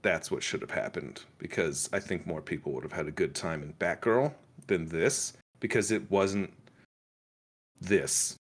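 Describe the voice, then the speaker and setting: A man reviewing a movie in casual chat on a livestream, rambling with lots of restarts and sudden animated outbursts. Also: low-pitched, a little slow.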